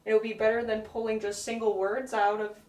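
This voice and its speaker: A young American woman on a ghost hunt, nervous and slangy, talking softly to spirits in a dark old prison. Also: fairly high pitch, flat delivery, fairly quick, echoey room, recorded from a distance, slight background noise. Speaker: paranormal investigator. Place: dark echoing old prison cell block.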